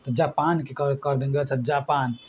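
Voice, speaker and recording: A man's voice: mid-range voice, steady tone, moderate pace, a little mellow, muffled recording, a little hiss or hum. A man from eastern India, teaching an exam-prep lesson with memory tricks. He talks colloquially and keeps quizzing his students.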